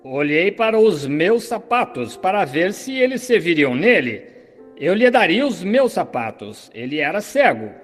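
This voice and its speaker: A man's voice: high-pitched, sing-song, a little slow, soft background music. A man preaching a sermon in an earnest, fervent way, delivered as a dubbed translation. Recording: long hall reverb.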